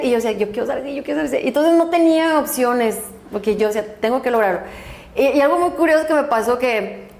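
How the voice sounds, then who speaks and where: A middle-aged woman with a Mexican accent, a guest telling lively stories from her life and acting out the voices in them. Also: high-pitched. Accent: Mexican Spanish. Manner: lively, laughing storyteller who acts out voices. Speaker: guest, doctor and school director. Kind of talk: storytelling interview. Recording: echoey room.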